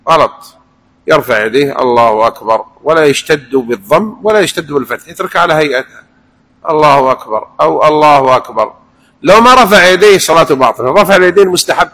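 A man teaching a religious lesson, animated and acting out the recitations he describes. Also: on the high side, poor audio. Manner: animated, demonstrates recitations aloud. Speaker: preacher.

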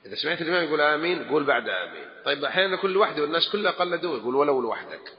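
A man's voice: fairly high pitch, sing-song, very fast. A man, a religious scholar giving a lesson and answering questions, speaking emphatically and acting out the phrases he quotes. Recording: echoey hall, dull lo-fi, faint hiss.

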